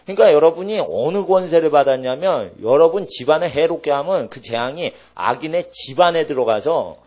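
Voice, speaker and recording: Animated Korean pastor with lively pitch. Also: male voice. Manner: animated preaching, swings between loud exclamations and low asides. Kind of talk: sermon. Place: church sanctuary.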